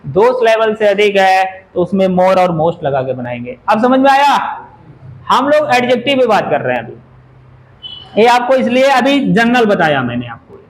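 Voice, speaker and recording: A man with a strikingly high voice lectures a classroom of students as their grammar teacher. He keeps putting questions to the class and repeats words several times to drill them in. A faint hiss of noise sits under the recording. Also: big pitch swings, moderate pace, rough recording.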